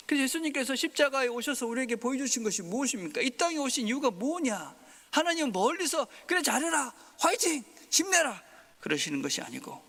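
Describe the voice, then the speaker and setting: A male pastor preaching a Sunday sermon, swinging from loud emphasis to soft whispers. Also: high-pitched, vocal fry. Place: church sanctuary. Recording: long hall reverb.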